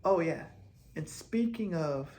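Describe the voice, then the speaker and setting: Slow-talking man pitching wrestling storylines. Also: lively intonation, darkish tone. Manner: rambling, speculative, hesitant restarts. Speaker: host. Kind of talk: wrestling fantasy-booking commentary.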